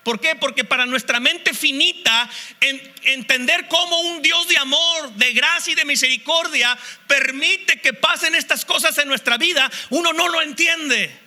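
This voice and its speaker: A man's voice: extremely high pitch, measured pace, sharp tone. A man preaching a sermon as pastor, passionately posing one rhetorical question after another.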